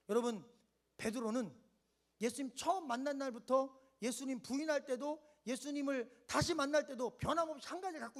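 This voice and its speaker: A man preaching a sermon at a winter camp, leading the congregation to repeat lines and answer amen. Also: extremely high pitch. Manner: asks questions and answers them himself in short steps. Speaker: pastor.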